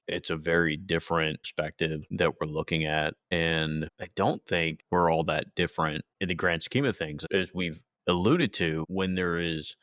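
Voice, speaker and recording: A man with a very low voice trades wisecracks and playful banter. He co-hosts a casual podcast, and the recording sounds dry and close. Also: fairly bright tone, no echo. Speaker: podcast co-host.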